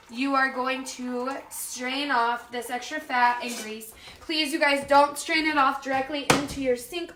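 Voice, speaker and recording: A woman in her thirties with a North Dakota accent, hosting a casual cooking livestream and chatting informally straight to viewers. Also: sits high. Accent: North Dakota, upper Midwestern American. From Las Vegas, United States. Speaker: host of a live cooking show. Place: home kitchen, indoors. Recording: echoey room, clearly noisy with clicks.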